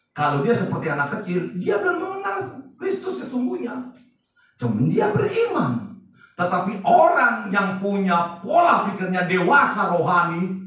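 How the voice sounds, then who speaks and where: A man preaching a sermon as pastor, lively and casual, asking the congregation questions as he goes. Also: high-pitched, heavy reverb, recorded from a distance, poor audio. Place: church service.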